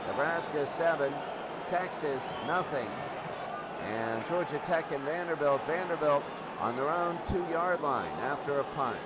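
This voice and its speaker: A man with a fairly high voice calls American football play-by-play live, unhurried but in short, clipped bursts that often repeat. The amateur recording carries a great deal of ambient noise.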